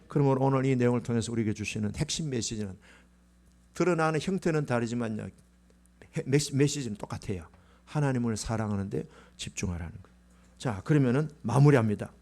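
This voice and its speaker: A man's voice: mid-range voice, darkish tone. A male pastor preaching a sermon, quizzing the congregation and acting out quotes.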